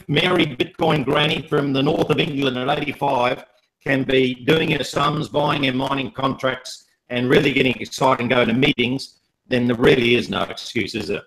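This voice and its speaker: Aussie guy hosting a live panel, jokey, rambly, raspy gravelly tone. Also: a little high, a bit bright, low-quality recording. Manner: jokey, rambling with many fillers. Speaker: host.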